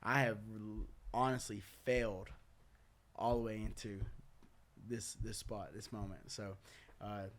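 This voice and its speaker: A man's voice: on the low side, little pitch movement, a little slow, slight background noise. Young male host, candid casual storyteller. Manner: earnest, candid, loose talk full of "uh", "man", "dude". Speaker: podcast host.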